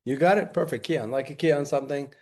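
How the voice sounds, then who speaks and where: A man's voice: fairly high pitch, fast, a little mellow. A man from New York as a podcast guest, chatting casually and telling anecdotes.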